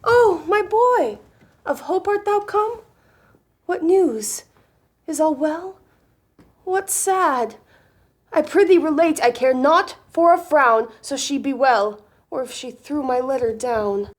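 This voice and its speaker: Woman playing a high-voiced gallant of Restoration comedy. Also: fairly even intonation, measured pace, a little mellow. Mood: eager, anxious. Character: gallant, sensible young gentleman in love, wryly reproving. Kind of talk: Restoration-comedy stage acting, mannered period dialogue.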